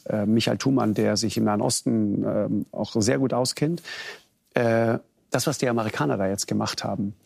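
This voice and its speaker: Gravelly husky male talk show host. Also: mid-range voice, a little mellow, dry recording. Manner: probing, interjecting, many fillers.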